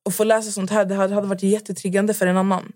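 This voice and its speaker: Young woman, podcast co-host, lively storyteller who plays both parts; dry close sound. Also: mid-range voice, no echo. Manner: animated storyteller, acts out both sides of chats. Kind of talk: casual chat.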